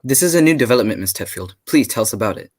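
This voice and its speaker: A man playing a genial, courteous English gentleman doctor and storyteller in a radio drama, with old-fashioned phrasing. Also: mid-range voice, animated, rapid-fire, slightly rough. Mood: courteous, curious. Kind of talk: radio drama narration and dialogue.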